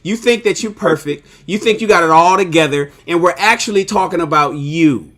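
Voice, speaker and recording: Man, high voice, emphatic, calls out the audience, panel talk. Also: a little fast, fairly bright tone. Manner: emphatic, calls out listeners directly. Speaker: podcast co-host. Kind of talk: heated panel discussion.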